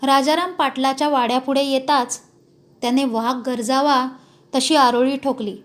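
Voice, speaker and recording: A woman's voice: high-pitched, steady tone, moderate pace, a bit bright. A woman reading a story aloud with dramatic narration. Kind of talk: storybook narration of a school text.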